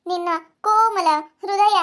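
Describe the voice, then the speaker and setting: A woman's voice: very high-pitched, steady tone, a bit bright. Woman voicing a whiny scheming daughter-in-law. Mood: mock-grieving. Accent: North Karnataka Kannada. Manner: whiny, melodramatic, fast rural chatter. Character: scheming young daughter-in-law, mock-grieving. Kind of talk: cartoon voice acting.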